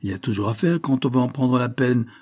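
A man voicing a sharp, scolding spinster sister-in-law who contradicts everything. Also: mid-range voice, lively intonation, fast, pitched above the performer's own voice, lightly acted. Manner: sour and contradicting.

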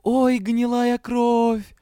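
Man playing timid young female vampire, anxious, high voice, storybook. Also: fairly quick, a little mellow, clean tone, dry recording, studio quality, close to an everyday voice. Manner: anxious, whispering.

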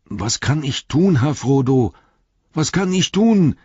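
A man's voice: low-pitched, steady tone, normal speed, slightly rough, no room sound, muffled recording. A man voicing a loyal, anxious male hobbit servant who calls out urgently, in an audiobook reading.

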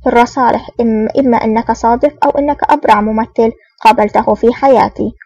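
A woman's voice: a little high, fairly even intonation, fast, mellow, no echo, distant mic, highs cut off. A woman reading the lines of a wary, questioning male prison officer in an audiobook. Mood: suspicious.

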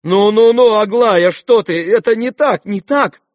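A man's voice: mid-range voice, sing-song, measured pace, a bit bright, no room sound, clean studio sound, full character voice. A man voicing a flustered middle-aged general and father in an audiobook who stammers and pleads.

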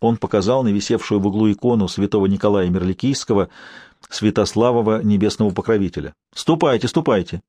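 A man's voice: steady tone, quick pace, mellow, dry recording, clean studio sound. A man narrating a historical novel as an audiobook, reading evenly and lifting his voice for the characters' outbursts. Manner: reads evenly, raises pitch and volume for characters' outbursts.

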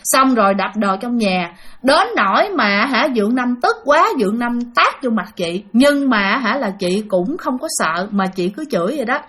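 A woman narrates a ghost story, her voice pitched high. She speaks in a chatty way and turns to her listeners often. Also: animated, moderate pace, fairly bright tone, breathy edge. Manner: chatty, addresses listeners directly.

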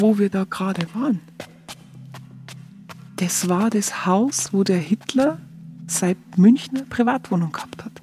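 In a radio play, an actress with a Bavarian accent portrays a plainspoken, wry Munich woman recounting her memories haltingly and conversationally in colloquial first-person narration. Her voice is medium-pitched and warm.

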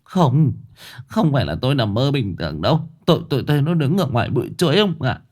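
A man's voice: takes it slowly, vocal fry, exaggerated voice. A man voicing a frantic middle-aged village mother who stammers and cries out in fear. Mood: distraught. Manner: sobbing, shrill, stammering.

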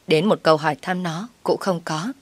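Woman playing pushy older mother-in-law, scolding, low voice, dry. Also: moderate pace, dry recording. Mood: persuading.

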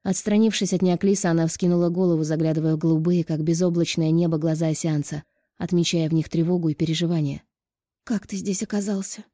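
A woman narrating an audiobook in an even, measured way. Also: low voice, no room sound, studio quality.

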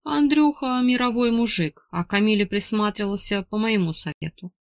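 A woman voicing a teasing, wise older father in an audiobook, speaking slowly with amusement. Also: medium pitch, no room sound, clean studio sound, pitched above the performer's own voice, close to an everyday voice. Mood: amused.

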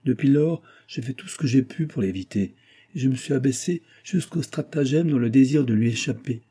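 A man's voice: mid-range voice, expressive, a little fast, warm tone, slightly rough, voice pushed up. A man reading aloud, voicing a cold and bitter middle-aged woman with a hard, cutting voice. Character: cold, harsh middle-aged woman under a false name.

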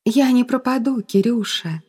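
A woman voicing a young woman who poses as a vengeful ghost, speaking in a high, drawn-out voice that turns from coaxing to menacing. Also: darkish tone, husky.

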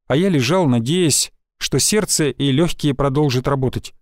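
A man narrates a first-person audiobook from a script, keeping his storytelling steady and even. His pitch is medium and his speed normal. The studio sound is clean, with no room sound.

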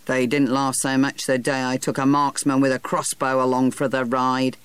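A man voicing Sir Harry, a hearty, coarse-spoken older self-made boss with a blunt, gruff manner. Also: mid-range voice, completely flat delivery, moderate pace, a bit bright, dry recording, close to an everyday voice. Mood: boastful.

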